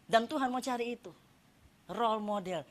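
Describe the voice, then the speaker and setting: A woman preacher giving a lively sermon, asking the congregation questions and answering them herself. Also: a little high, moderate pace.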